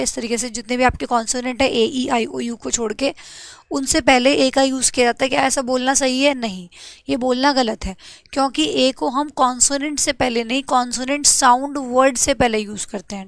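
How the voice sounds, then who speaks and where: A young woman teaching an English grammar lesson to exam students, asking and answering her own questions and spelling out letters slowly. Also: high voice, no echo.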